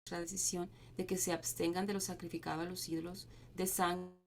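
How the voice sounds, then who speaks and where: A woman reads scripture aloud in a slightly low voice, working steadily through the passage and now and then stumbling and restarting a word. A faint hiss of background noise sits under her reading. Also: flat delivery, fairly quick. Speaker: Bible reading leader.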